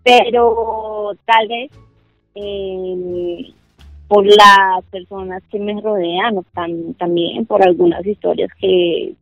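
A woman's voice: medium pitch, steady tone, slow, no echo, faint music behind. A woman speaking hesitantly in casual podcast chat. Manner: hesitant, full of restarts and fillers. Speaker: podcast co-host. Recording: phone-like dry call audio.

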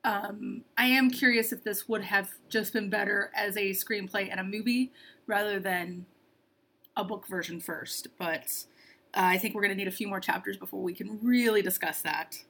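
Bright-voiced woman, dry and sarcastic. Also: mid-range voice, fairly even intonation, normal speed. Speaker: book club podcast co-host. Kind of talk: casual chat.

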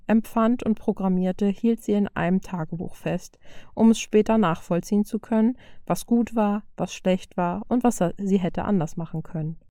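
A woman calmly reading a fan fiction story aloud. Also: mid-range voice, gravelly, no room sound, clean studio sound. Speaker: reader.

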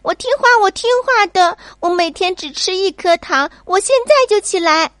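A woman's voice: a little slow, fairly bright tone, no room sound, studio quality. Woman doing a scared little child. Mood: frightened. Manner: high wailing childlike pleading.

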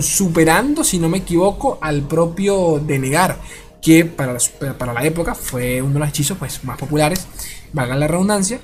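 Casual card game creator, mid-pitched, conversational commentary over faint background music. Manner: chatty, peppers speech with "ok?" and restarts.

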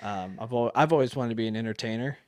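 Here a male podcast co-host chats casually, wandering off track and restarting often amid plenty of fillers. He has a medium-pitched voice and a quick pace, recorded cleanly in a studio without echo.

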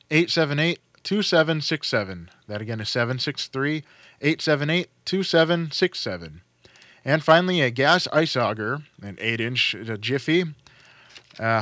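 A man's voice: medium pitch, fairly bright tone, dry recording. A man hosting a radio call-in show in a casual, unscripted, informal way.

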